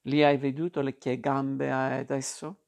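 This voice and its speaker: A man reading the lines of a calm, worldly young woman in an audiobook. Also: mid-range voice, moderate pace, creaky, natural voice.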